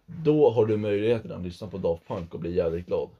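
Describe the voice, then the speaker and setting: A man's voice: fairly low pitch, animated, slightly rough. A young man co-hosting a casual podcast chat, laid-back and argumentative, laughing often, on a dull lo-fi recording. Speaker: podcast co-host. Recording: dull lo-fi sound.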